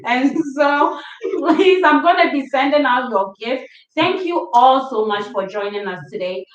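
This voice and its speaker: A woman's voice: sits high, lively intonation, unhurried. Laughing woman host, far from the mic. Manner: laughs often, affectionate. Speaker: livestream host. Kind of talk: casual chat, reading viewer comments. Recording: roomy, distant, dull sound.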